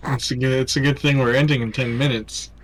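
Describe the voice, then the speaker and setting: A man's voice: medium pitch, fairly even intonation, fast talker, background noise. A young man from Canada chatting casually while playing a game, joking, swearing freely and laughing at his own stories. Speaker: streamer. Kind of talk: casual gaming chat.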